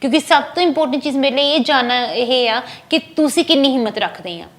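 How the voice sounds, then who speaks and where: A woman speaks straight to her viewers as a spiritual reader on a live call-in show, her voice pitched high. She is earnest and reassuring, mixes English phrases into her talk and circles back over the same points. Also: quick pace. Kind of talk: direct-to-camera advice talk.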